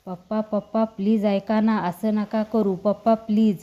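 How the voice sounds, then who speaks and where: A woman voicing a young woman who pleads tearfully and speaks a little higher than her narration. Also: little pitch movement, a little slow, muffled recording, natural voice. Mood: pleading. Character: young woman, a politician's daughter, in love and pleading.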